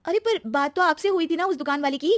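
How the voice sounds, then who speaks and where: A woman voicing a cheerful, chatty young wife in a cartoon story, talking in an excited way. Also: very high-pitched, quick pace, dry recording, studio quality, voice pushed up. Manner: excited, talkative.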